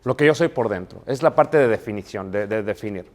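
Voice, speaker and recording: A man's voice: fairly low pitch, expressive, a little fast. A middle-aged man with a Mexican accent preaching a sermon on marriage. He stresses his points, repeats key phrases and asks rhetorical questions. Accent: Mexican Spanish.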